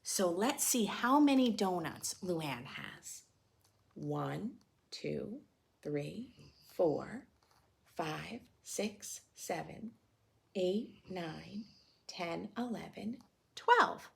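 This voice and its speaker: Hosting story time for preschoolers, a woman reads a picture book with lots of expression, adding dramatic, simple teaching questions and explanations. She speaks extremely slowly in a lowish, gravelly, animated voice.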